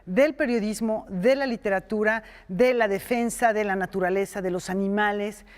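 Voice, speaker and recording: A woman's voice: mid-range voice, moderate pace. A woman anchoring a news show, talking conversationally and listing items.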